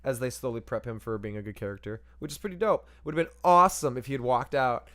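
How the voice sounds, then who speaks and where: A man's voice: medium pitch, fast, sharp tone. A man co-hosting a podcast, chatting casually and profanely about a movie, rambling and laughing as he acts out bits. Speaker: podcast co-host. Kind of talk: casual movie review chat.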